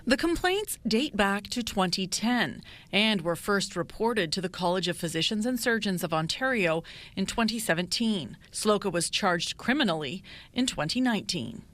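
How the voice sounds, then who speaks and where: A woman, a television reporter narrating a news story in a measured, formal way. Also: medium pitch, lively intonation, fairly bright tone.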